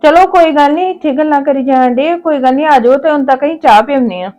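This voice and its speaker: A woman with a Punjabi accent playing a resentful sister-in-law in a family drama, curt and sharp with her visitor. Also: high-pitched, fast talker, faint music behind.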